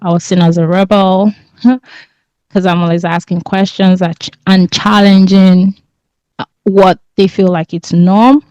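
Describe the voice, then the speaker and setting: A woman born in England and raised in Nigeria, a podcast guest talking in a relaxed, thoughtful way and laughing easily. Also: medium pitch, measured pace, clear, resonant tone, no echo, dull audio. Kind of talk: casual interview.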